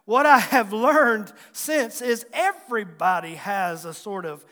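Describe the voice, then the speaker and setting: A man's voice: high-pitched, measured pace, pushed and bright. A man in his forties, a pastor with a Southwest Virginia accent, preaching a sermon in a folksy, self-deprecating way and joking with his congregation. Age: 40s. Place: church sanctuary. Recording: long hall reverb.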